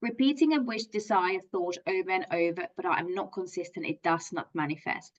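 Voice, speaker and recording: This middle-aged coach from Finland, whose native language is Finnish, teaches positive psychology in an online masterclass. Her voice sits on the low side and her pace is brisk, with many fillers and restarts in her earnest, enthusiastic delivery. The sound is lo-fi.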